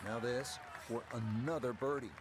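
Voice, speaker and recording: A man working as lead golf commentator in a video game, calling play in a measured broadcast manner. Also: mid-range voice, fairly even intonation, heavy background noise, close to an everyday voice. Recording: music and crowd behind voice. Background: music, crowd.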